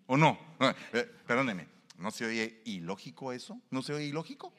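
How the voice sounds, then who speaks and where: A man's voice: mid-range voice, lively intonation, normal speed, fairly bright tone. A man preaching a sermon, colloquial and emphatic, full of rhetorical questions. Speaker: pastor. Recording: long hall reverb.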